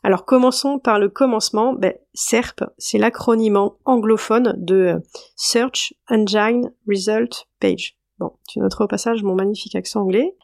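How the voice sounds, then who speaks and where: A woman business coach over forty hosts her podcast in a casual, explanatory way. She speaks straight to the listener, with plenty of fillers and a slightly gravelly texture. The sound is close and dry, with no room around it. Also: medium pitch, fairly even intonation, moderate pace, few pauses, darkish tone, dry recording. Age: 40s or older. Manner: chatty, direct, many fillers, addresses listener as tu.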